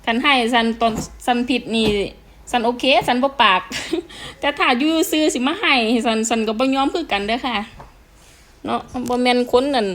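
A woman's voice: on the high side, moderate pace, fairly bright tone. A woman with an Isan accent, chatting casually and frankly to her viewers as a vlogger, laughing often.

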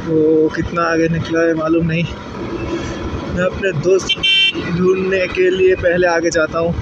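A young Indian man rides a motorbike through city streets, rambling casually with fillers as he narrates his motovlog. His voice is fairly high, monotone and a little slow, and the audio is muffled under loud road noise.

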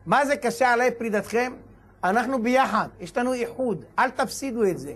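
A rabbi giving a sermon, telling parables and acting out the dialogue with lively voices and shouts. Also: male voice, very high-pitched, slightly rough. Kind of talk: sermon with told stories.

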